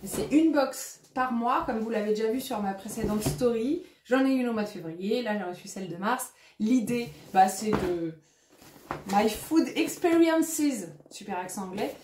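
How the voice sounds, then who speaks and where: A woman's voice: a little high, moderate pace, few pauses, background noise. Chatty French dietitian woman, echoey room. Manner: chatty, lots of fillers, reads out ingredient lists. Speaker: dietitian-nutritionist. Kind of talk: casual unboxing vlog.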